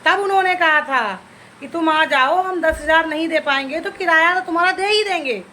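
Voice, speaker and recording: A woman's voice: very high voice, moderate pace, pushed and bright, slight background noise. A woman vlogger, scolding and taunting an older woman in a reply video.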